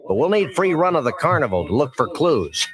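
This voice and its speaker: A man voicing a dryly unflappable dog detective in a cartoon adventure game, speaking in a deadpan, verbose way. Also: on the high side, brisk, crowd noise. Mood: dry, businesslike. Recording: game audio with prominent music behind.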